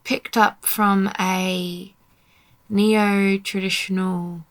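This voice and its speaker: A woman's voice: medium pitch, little pitch movement, drawn-out words. A young woman giving a casual voiceover about her painting, tired and yawning, grumbling at herself in a self-deprecating way. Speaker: artist narrating her painting.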